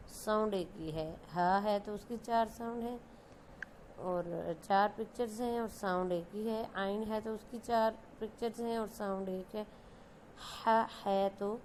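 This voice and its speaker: A woman teacher with a Pakistani Urdu accent gives a Quran reading lesson for young children, slowly drawing out and repeating each letter sound. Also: medium pitch, a little mellow, slight background noise. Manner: slow, drawn-out letter sounds, repeated for students.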